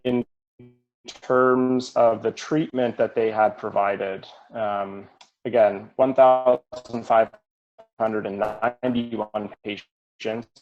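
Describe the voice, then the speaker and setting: A man's voice: on the low side, fairly even intonation, darkish tone, highs cut off. Man lecturing over a call, audio cutting out and uneven in volume. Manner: measured, with frequent fillers. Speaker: presenter at a medical case review. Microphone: video call.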